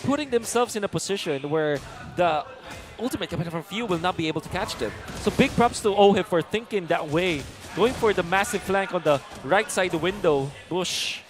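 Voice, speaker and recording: A man's voice: high voice, lively intonation, normal speed, music in the background. A man working as an esports caster and analyst, explaining the game in a conversational way.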